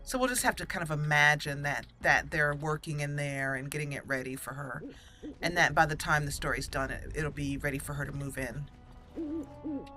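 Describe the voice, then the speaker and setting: A woman with a low-pitched, bright and forceful voice hosts a gaming channel, doing casual let's play commentary. She chats and thinks aloud as the playthrough goes on.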